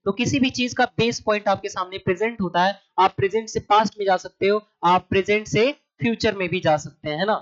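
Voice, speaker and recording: A man's voice: high-pitched, a bit bright. A man teaching, repeating points. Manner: asks rhetorical questions and repeats points, often adding "है ना"; reads English examples slowly and deliberately. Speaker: coaching teacher. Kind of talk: exam-prep grammar lesson. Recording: dull lo-fi recording.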